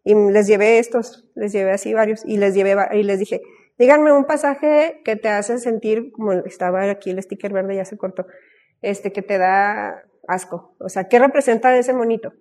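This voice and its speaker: Warm-voiced Mexican woman sharing teaching anecdotes. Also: mid-range voice, moderate pace. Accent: Mexican Spanish. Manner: chatty, storytelling, frequent fillers and light laughter. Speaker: Bible study teacher. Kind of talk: casual teaching talk with anecdotes.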